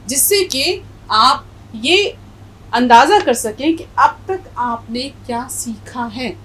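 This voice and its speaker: Slow, patient woman teaching a language. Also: high-pitched, a little hiss or hum, low-quality recording. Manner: patient, spells out letters and stresses correct pronunciation. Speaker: Urdu teacher. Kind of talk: language lesson.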